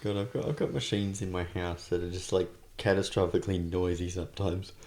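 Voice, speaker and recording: A man's voice: deep voice, steady tone, a little fast, a little mellow. A man hosting a casual chat, talking hesitantly with lots of fillers and trailing phrases. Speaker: podcast host.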